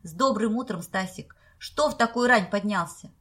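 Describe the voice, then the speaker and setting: A woman's voice: medium pitch, normal speed, fairly bright tone, close to an everyday voice. A woman reading the part of a genial middle-aged man, jovial and teasing, in a storybook.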